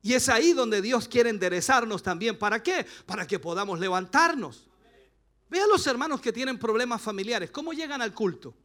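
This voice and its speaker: A middle-aged man with a Chilean accent, preaching a sermon as pastor, passionate and rising to shouts. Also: very high-pitched, lively intonation, moderate pace.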